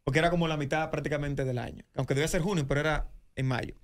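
A man's voice: fairly high pitch, steady tone, rapid-fire. A man explaining voting rules on a radio show in a studio, upbeat and explanatory. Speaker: guest explaining election rules. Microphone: studio mic with headphones.

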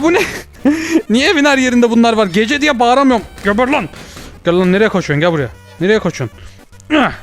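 A young man giving excited let's-play commentary on a VR game, talking in quick bursts and yelling and cursing at spiders. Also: sits high. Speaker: VR gaming YouTuber.

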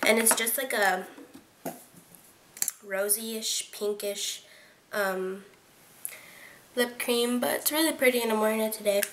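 Sitting in her small bedroom, a teenage girl reviews beauty products to a close-range webcam in a slow, fairly even, slightly bright high voice, pausing often. Her chat wanders, packed with "like" and "um," and she notes her voice sounds odd today. There's bedroom echo and slight background noise.

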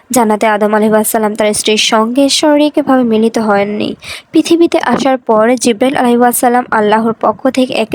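Woman narrating a religious story, fairly high voice. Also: low-quality recording. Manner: measured, earnest storytelling reading.

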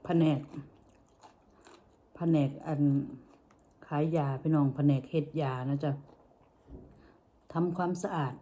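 Low, mellow Isan Thai woman. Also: fairly even intonation, takes it slowly, pauses often. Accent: Isan, northeastern Thai. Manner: folksy, addresses listeners with frequent soft polite particles. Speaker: vlogger. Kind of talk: casual chat to viewers while eating.

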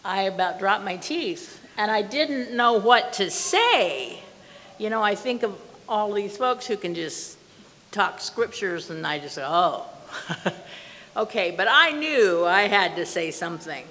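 A woman's voice: mid-range voice, lively intonation, sharp tone. An older woman giving an earnest, plainspoken testimony and prayer from a pulpit in a small church, recorded from the back of the room. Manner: earnest, plainspoken, with slow measured phrasing. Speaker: lay speaker giving a testimony. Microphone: far camera from the back of the room. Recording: reverberant church hall with faint hiss.

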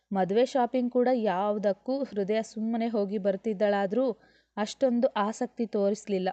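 Woman narrating a novel, mellow tone. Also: mid-range voice, no echo. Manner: steady storytelling that voices every character. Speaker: audiobook narrator. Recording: dull lo-fi dry recording.

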